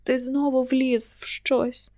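A woman's voice: high-pitched, little pitch movement, slow. A woman voicing a jealous, tearful young woman who speaks reproachfully to her lover. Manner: reproachful, quiet.

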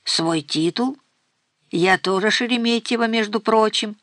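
A woman's voice: medium pitch, measured pace, a bit bright, dry recording, lightly acted. A sulky, defiant young woman snaps back at her mother, as a woman narrator puts her on. She sounds petulant and stubborn. The reading is dry and close-miked. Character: defiant sleepy teenage-to-young-adult daughter.

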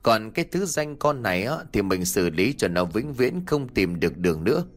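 A man's voice: lowish voice, very animated, moderate pace. A man putting on a scheming, bossy old wife. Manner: bossy, scolding. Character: scheming cruel elderly wife, sharp-tongued.

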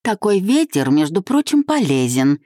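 A woman's voice: lowish voice, sing-song, moderate pace, warm tone, dry recording, studio quality, pitched above the performer's own voice. A woman voicing a chatty, opinionated older nanny who prattles on.

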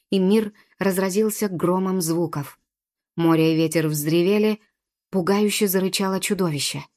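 A woman narrates a storybook with vivid, dramatic delivery. Her voice sits on the low side for a woman. She reads with clear, expressive phrasing. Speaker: audiobook narrator.

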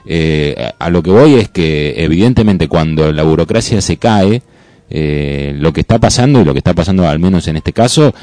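A man with a Rioplatense Argentine accent co-hosting radio commentary in a hesitant, halting way, often repeating words. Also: sits low, animated, warm tone, no room sound. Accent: Rioplatense Argentine Spanish. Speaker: radio co-host.

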